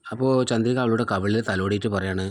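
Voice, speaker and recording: A man's voice: on the low side, steady tone, fast talker. A man casually retelling a TV serial episode, relating each character's lines in his own plain storytelling voice. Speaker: narrator recapping a TV serial episode. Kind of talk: casual spoken plot recap.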